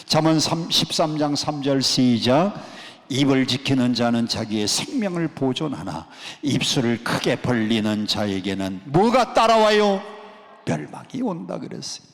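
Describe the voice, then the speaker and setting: A man's voice: mid-range voice, expressive. A male pastor preaching a sermon, leading the congregation in call-and-response. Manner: call-and-response preaching, drawn-out emphatic lines. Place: church sanctuary at a prayer retreat. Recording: long church hall reverb.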